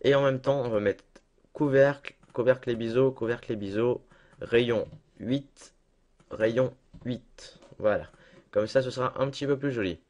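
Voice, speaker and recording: A young man talking through a casual screen-recorded software tutorial at his computer, chatty and self-deprecating, with lots of fillers. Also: medium pitch, a little slow, lo-fi sound. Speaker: tutorial maker.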